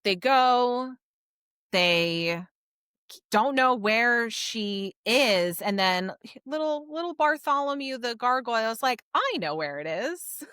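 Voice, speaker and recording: A woman co-hosting a podcast recaps a story in a casual, conversational book discussion. Her voice is on the high side, animated yet slow, a bit bright and smooth. The recording is studio quality with no room sound.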